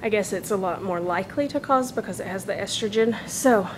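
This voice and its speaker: Talking briskly in a medium-pitched voice, a woman gives casual, chatty vlog commentary to her phone while walking laps. There's a hint of tiredness in her voice, and background noise can be heard.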